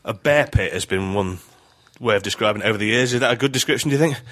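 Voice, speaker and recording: Fast-talking British male podcast host. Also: on the low side, fairly bright tone. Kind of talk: presenting and interviewing.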